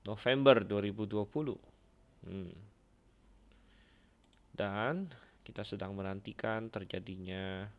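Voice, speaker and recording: Low gravelly man teaching an online class. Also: lo-fi sound. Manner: unhurried, with many fillers and hesitations. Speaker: Bible teacher. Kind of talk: online Bible class lecture.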